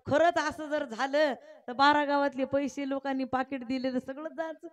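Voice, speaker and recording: High-voiced woman kirtan preacher. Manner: lively, acts out village characters in dialogue. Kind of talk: devotional kirtan storytelling with sung verses.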